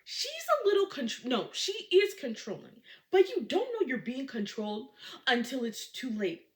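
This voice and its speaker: A woman voicing a wary husband who gives warnings and yells back in an argument while retelling a story. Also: high-pitched, very animated, moderate pace. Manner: warning, then yelling. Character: older husband, wary and defensive.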